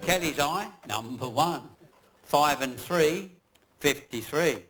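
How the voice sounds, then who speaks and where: A man calls bingo in a fairly high voice. His delivery is unhurried and formulaic, one number at a time. Loud music plays along with him. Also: expressive. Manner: calls numbers in traditional rhyming-slang formula. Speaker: bingo caller. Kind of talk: bingo calling.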